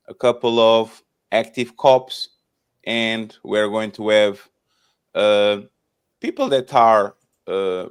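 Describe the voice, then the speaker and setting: A man moderates a casual online panel show, introducing guests and plugging upcoming episodes. His voice sits fairly low and sounds smooth and clear. He talks in a loose, looping way, often closing lines with "okay?". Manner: loose, repetitive announcing with many "okay?" tags. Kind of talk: casual live-stream panel talk.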